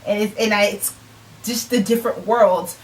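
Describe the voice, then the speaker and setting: A woman's voice: medium pitch, fairly even intonation, normal speed, recorded from a distance, poor audio. A woman in her twenties from the United States, talking casually about her writing in an earnest, reflective way, repeating phrases for emphasis. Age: 20s. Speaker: self-published author. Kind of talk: casual vlog talk.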